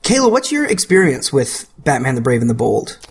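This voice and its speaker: A woman's voice: rumbling low, very animated, fairly quick, a little hiss or hum. A woman hosting a podcast, chatting playfully and teasing her co-hosts. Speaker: podcast host. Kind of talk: casual chat.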